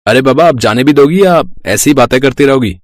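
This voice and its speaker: An easygoing young husband from a moral storybook, coaxing and casual, voiced by a man. His voice sits at an ordinary middle pitch. The recording is dry and close. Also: animated, brisk, no room sound, natural voice. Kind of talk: storybook voice acting.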